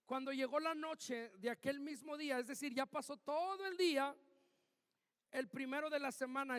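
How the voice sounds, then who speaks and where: A pastor with a very high voice preaches, jumping into loud, emphatic bursts when he acts out quoted lines. His voice rings through a church hall with a long, echoing tail. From Mexico. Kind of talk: sermon.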